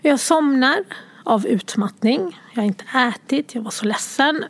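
A woman recounts a personal story, tearful and halting. Her voice sits a little high and often drops to a hushed, near-whispered tone as she searches for words. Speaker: guest sharing a personal story.

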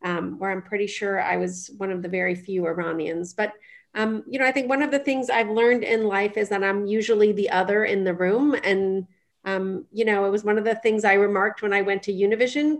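A woman's voice: mid-range voice, steady tone, fairly quick. A middle-aged woman from Iran introducing herself on a panel in a casual, wry way. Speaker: panelist, marketing executive.

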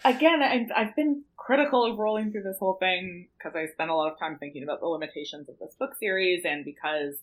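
A woman with a somewhat low voice talks on a casual podcast. She is emphatic and thoughtful, with a wry edge to her remarks. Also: fast talker, few pauses, rough recording.

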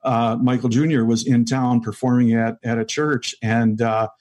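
A man's voice: mid-range voice, flat delivery, a little mellow. Chatty comedian man in his forties. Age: 40s. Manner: rambling, halting with fillers and restarts, laughs easily. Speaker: guest comedian. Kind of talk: casual interview chat.

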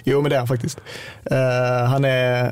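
A man with a Scanian Swedish accent, a football player chatting casually on a podcast and speaking in a relaxed, hesitant way with many fillers. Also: mid-range voice, clear, resonant tone, dry recording, clean studio sound.

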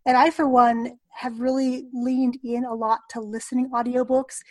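A woman hosts an interview, building on her guest's ideas in an affirming, reflective way. Her voice sits a little high. The recording is dry and close. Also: flat delivery, normal speed, darkish tone, no echo. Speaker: podcast host. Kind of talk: conversational interview.

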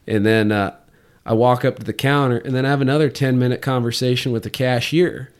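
A relaxed man with an ordinary middle-pitched voice, chatting on a podcast. He tells loose, rambling stories and laughs easily between lines. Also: fairly quick. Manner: rambling anecdotes with easy chuckles. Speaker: podcast guest, fishing guide. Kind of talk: casual storytelling chat.

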